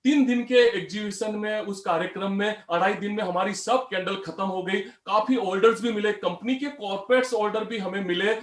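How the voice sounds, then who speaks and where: A man's voice: high-pitched, moderate pace, few pauses, echoey room. A middle-aged man giving a motivational speech, telling a story from his life and addressing the audience as friends. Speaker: motivational speaker.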